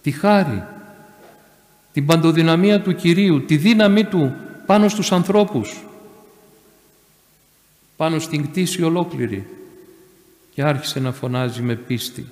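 A man giving a sermon as a monastery elder, emphatic, repeating phrases and rising louder on key words. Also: a little high, lively intonation, pauses often. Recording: echoey church reverb.

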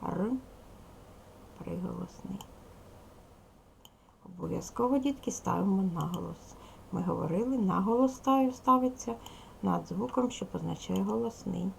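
A woman teacher giving a recorded video lesson to young schoolchildren, speaking clearly and patiently. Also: medium pitch, darkish tone, slight background noise. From Ukraine. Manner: slow, clear instructional delivery, addressing children.

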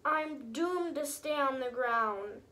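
A woman's voice: sits high, animated, slow pace, pushed and bright, heavily acted. A woman voicing a sad young male butterfly with crinkled wings, earnest and pleading, in a storybook reading. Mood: forlorn.

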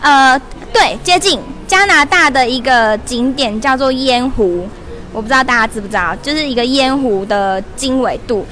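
Bubbly high-voiced young woman hosting. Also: normal speed, bright, forceful tone. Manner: bubbly, laughing, chatty. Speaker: livestream shopping host. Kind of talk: lively live-stream product promo. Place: large indoor shopping mall store. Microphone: wired lapel mic held in hand.

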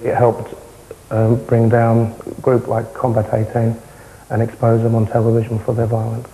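A young man with a South London accent, answering interview questions in a matter-of-fact, halting way. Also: mid-range voice, completely flat delivery, mellow, slight background noise, low-quality recording. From South London, England. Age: young adult. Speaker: interviewee, former far-right insider. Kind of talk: candid television interview. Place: indoor television interview, close camera.

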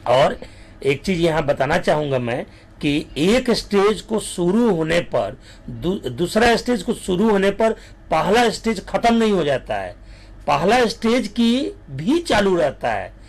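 A man giving a lecture, moving between Hindi and slow, dictated definitions. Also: sits high, very animated. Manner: mixes Hindi with English terms, slows to dictate definitions.

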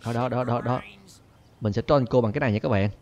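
A young man, chatty and laughing as he hosts an excited let's-play commentary. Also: medium pitch, fast talker. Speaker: gaming channel host. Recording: dull lo-fi recording.

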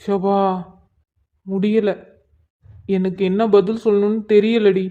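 A woman's voice: medium pitch, flat delivery, slow, narrow, tinny audio, close to an everyday voice. A woman voicing an exasperated young college man in a cartoon, pleading and groaning as his girlfriend nags him. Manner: pleading, put-upon groaning. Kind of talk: cartoon voice acting.

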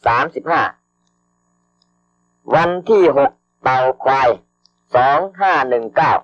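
A man slowly dictating official government orders over radio, formal and measured, repeating each phrase and reading out the punctuation. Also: a little high. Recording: dull lo-fi archival radio broadcast.

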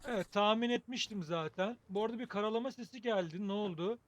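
High-voiced man doing casual gaming commentary. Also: fast talker. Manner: wry, joking, thinking aloud. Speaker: gaming video host. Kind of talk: casual game playthrough commentary.

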